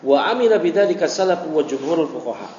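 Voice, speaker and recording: A man's voice: a little high, expressive, fast, a little mellow. A male religious teacher giving a study lecture, reading Arabic text and explaining it in casual speech, acting out quoted dialogue. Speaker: ustadz teaching a classical text. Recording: echoey hall, dull lo-fi audio, faint hiss.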